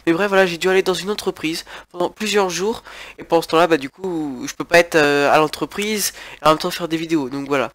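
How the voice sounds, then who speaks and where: A man's voice: fairly high pitch, fast talker, a bit bright, slight background noise. A teenage male with a French accent and a congested, blocked nose, chatting casually and rambling to camera like a YouTube host. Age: teenager, about 14. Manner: informal, rambling, gesturing. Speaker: YouTube gaming channel host. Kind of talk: casual vlog chat to camera. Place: small attic bedroom.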